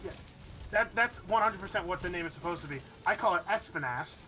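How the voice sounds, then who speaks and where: A man's voice: sits high, slight background noise. A man streaming a game and chatting casually, joking around and correcting himself as he goes. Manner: joking, animated, quick self-corrections. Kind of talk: casual chat while gaming.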